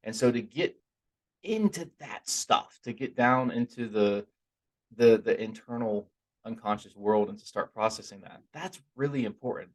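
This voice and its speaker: A man giving an informal, earnest spiritual talk in a conversational, stop-and-start way, his r sounds softened toward w. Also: mid-range voice, moderate pace. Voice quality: trouble pronouncing r, softened toward w. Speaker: religious teacher giving a talk.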